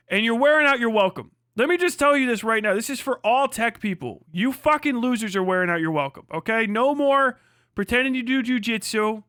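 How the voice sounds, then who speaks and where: Forceful and bright, a high male voice belongs to a livestream host, perhaps middle-aged, who rants in a casual, mocking, profane, emphatic way. The audio is studio quality without echo.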